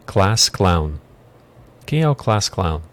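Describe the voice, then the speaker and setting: Low-voiced man teaching English. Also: big pitch swings, a bit bright. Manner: thinks aloud, self-correcting, unhurried. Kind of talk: casual screen-share lesson.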